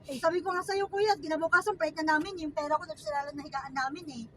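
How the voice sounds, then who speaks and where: A Filipina woman telling a story in casual chat, animated and quoting people. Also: high-pitched, fast talker. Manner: animated storytelling with acted quotes. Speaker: storyteller recounting a theft. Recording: distant mic with loud road noise.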